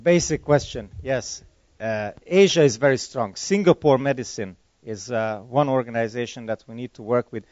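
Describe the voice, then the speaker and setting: This conference speaker, whose first language is Hungarian, replies at a moderate pace in a medium-pitched voice with a darkish tone. His answers are chatty and meandering, full of self-corrections. There's no room sound, though the lo-fi recording is dull.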